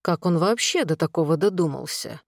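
A woman reading aloud, voicing a puzzled, irritated husband with a flat, skeptical delivery. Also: sits low, moderate pace, creaky, no room sound, clean studio sound, heavily acted. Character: puzzled, irritated young father.

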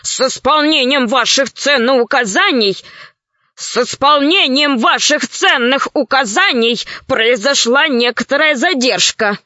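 A woman's voice: high-pitched, a little slow, bright, forceful tone, dry recording. A woman voicing a frightened elderly male scientist who stammers and pleads fawningly, in a storybook reading. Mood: pleading. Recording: slightly dull, dry recording.

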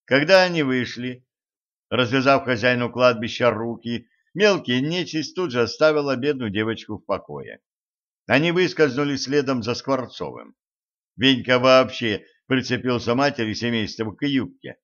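A man narrating a fantasy story in a steady storytelling manner. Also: medium pitch, normal speed. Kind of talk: audiobook narration. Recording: dull lo-fi recording.

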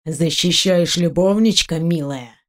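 A betrayed husband, jealous and furious, his voice dropped low and heavy, as a woman narrator puts him on. He drags out each sneering threat slowly, full of menace. This is a storybook villain of the moment, bitter to the bone. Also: lightly acted. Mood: menacing.

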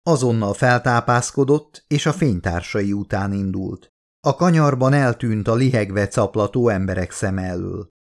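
A man, the author, reading his own audiobook in a steady, measured narrating voice. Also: on the low side. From Hungary.

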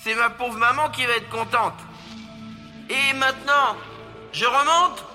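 Naive young boy played by a man, slow, hesitant, bright and reverby. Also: very high-pitched, faint music behind, heavily acted. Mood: eager. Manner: hesitant, stammering. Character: naive timid poor boy, devoted to his mother.

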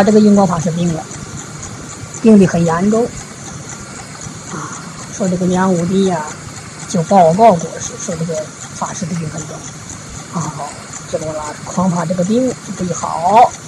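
A woman giving a Buddhist dharma talk, retelling a parable in a folksy storytelling way, with frequent drawn-out filler particles. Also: on the low side, background noise. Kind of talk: storytelling sermon.

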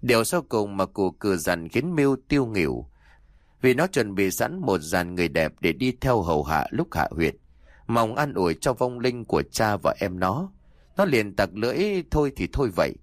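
A man tells a ghost story in a low, expressive voice with a lot of rise and fall. He reads the narration dramatically. The recording is dry and close. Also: moderate pace, no echo. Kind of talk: audiobook horror narration.

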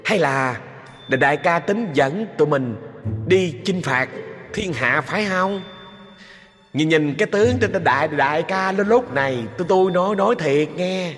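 A man voicing a fawning male long-tongued ghost who stammers and flatters. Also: fairly high pitch, in a large hall, voice pushed up.

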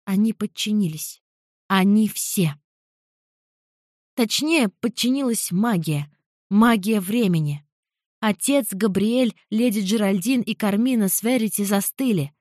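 A young woman narrates a fantasy audiobook in the first person. Her reading is expressive and emotional at a middle pitch. The recording is close and dry, with no room around her. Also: unhurried, no room sound.

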